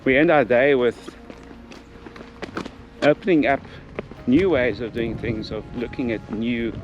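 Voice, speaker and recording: A man's voice: medium pitch, fairly even intonation, measured pace, dull audio, faint music behind. A man talking casually and earnestly as a vlog host on a hike, often repeating his phrases. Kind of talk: casual vlog talk while hiking. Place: outdoors on a walking trail. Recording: noisy outdoor recording. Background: clear outdoor ambient noise.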